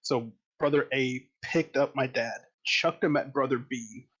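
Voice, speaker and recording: A man's voice: medium pitch, measured pace, a bit bright, husky, dull audio. A man telling rambling family anecdotes at a tabletop game session, correcting himself as he goes. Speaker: player. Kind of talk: casual storytelling at a game table.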